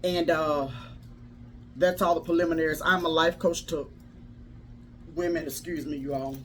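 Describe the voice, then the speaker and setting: A woman's voice: low voice, fairly even intonation, moderate pace, fairly bright tone, slight background noise. A woman life coach giving a casual motivational livestream talk in a folksy, preacherly manner, repeating phrases for emphasis.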